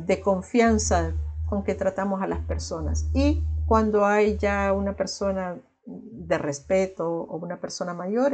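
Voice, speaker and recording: A woman's voice: medium pitch, darkish tone. A woman teacher from El Salvador with a Salvadoran Spanish accent, giving a recorded online class in an explanatory way, often adding tag questions and fillers.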